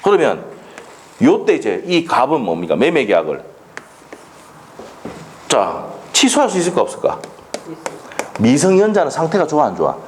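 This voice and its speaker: Law lecturer, male, exam-prep style, pitch leaping all over, rhetorical questions, faint background noise. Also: moderate pace, long pauses. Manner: lively, quizzing students with rhetorical questions; slips into blunt local dialect jokes.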